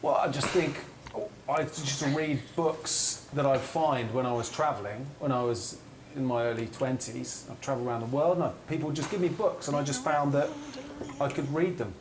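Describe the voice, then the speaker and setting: A man's voice: mid-range voice, fairly even intonation, moderate pace. A man on a panel show, improvising a bluff with hesitant, stalling banter. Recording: roomy echo, clear background noise.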